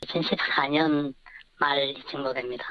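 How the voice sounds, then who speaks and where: Deep pitch-shifted anonymous voice. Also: steady tone, normal speed, vocal fry, no echo, dull audio. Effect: voice disguised with a deep pitch shift. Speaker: anonymous interviewee. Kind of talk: radio interview answers.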